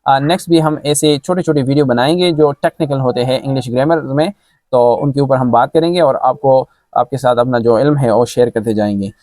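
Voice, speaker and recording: A man's voice: mid-range voice, fairly even intonation, fairly quick, darkish tone, no echo, clean studio sound. A man teaching English grammar, spelling words out letter by letter with many fillers. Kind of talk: explaining a grammar lesson.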